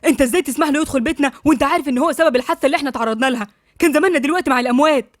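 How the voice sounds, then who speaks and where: A woman's voice: a little high, darkish tone, no echo, clean studio sound, natural voice. A woman voicing an agitated young man with an Egyptian accent. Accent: Egyptian Arabic. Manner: agitated, quick. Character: hot-headed young man, younger brother.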